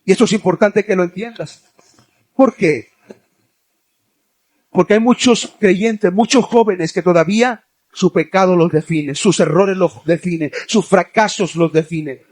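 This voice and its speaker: High-voiced man preaching with fervor. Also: a little slow. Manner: impassioned, builds to forceful near-shouting exhortation; addresses listeners directly as young people. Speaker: evangelist preacher. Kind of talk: sermon.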